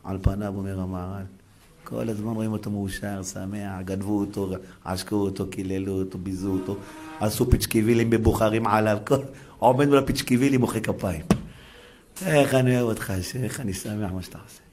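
A man preaching an emotional sermon on faith, fervent and dramatic, moving between loud calls and hushed pleading. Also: on the low side, fairly even intonation, a little hiss or hum. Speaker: religious preacher.

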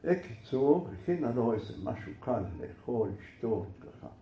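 A man's voice: mid-range voice, very animated, gravelly, lo-fi sound. A man preaching and telling a parable in a conversational, folksy way, repeating himself, recorded in an echoey room with faint noise. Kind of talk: storytelling sermon.

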